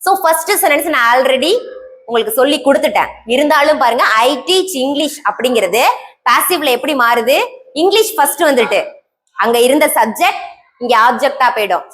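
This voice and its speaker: Woman teacher, Tamil accent, high-pitched, classroom drill delivery, repetitive questioning, light background noise. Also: animated, moderate pace, a bit bright. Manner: quizzing, repeats key terms, answers own questions. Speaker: English teacher. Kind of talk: classroom grammar lesson.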